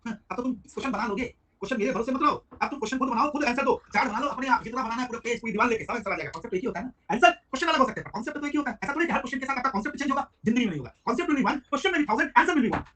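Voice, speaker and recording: A man teaching a live online tax class, talking quickly and calling on students by name. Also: very high-pitched, expressive, pushed and bright. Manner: rapid, chatty, addresses students by name. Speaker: GST teacher.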